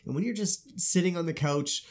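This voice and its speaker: A man's voice: high-pitched, normal speed. A male podcast co-host chatting casually with a congested, stuffy-nosed voice, breathing through his mouth as he recovers from a sinus illness. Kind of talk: casual chat.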